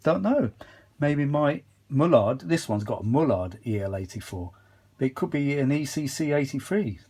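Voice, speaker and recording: With a warm, husky voice of medium pitch, a man talks to his phone camera, held while filming, about a vintage audio repair on his workbench. The update is casual and unscripted, rambling, with some mild swearing as he thinks aloud.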